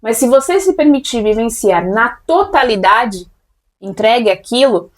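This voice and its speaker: A woman co-hosting a casual talk, calmly explaining ideas about emotions. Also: on the high side, unhurried. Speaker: podcast co-host. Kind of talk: casual conversation.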